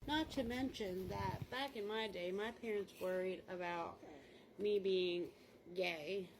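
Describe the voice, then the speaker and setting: A woman's voice: mid-range voice, slow, a little hiss or hum, rough recording. A mother talking candidly in a rambling, casual monologue, full of "like" fillers, while changing clothes.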